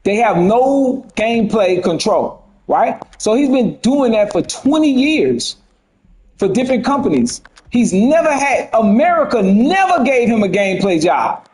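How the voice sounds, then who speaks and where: A man's voice: very high voice, very animated, unhurried, darkish tone, rough recording. A man ranting heatedly as a gaming commentator, profane and fired up, with a temper.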